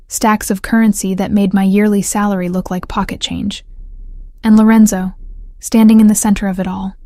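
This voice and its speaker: A woman narrating a first-person romance story in a measured, steady audiobook reading. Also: medium pitch, no room sound.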